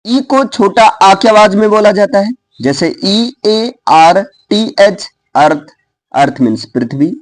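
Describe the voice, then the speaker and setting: In a dry recording, an animated man whose voice sits high teaches English pronunciation with an Indian accent. It's a lively classroom explanation: he spells words out slowly letter by letter, then pronounces them, checking in with his class.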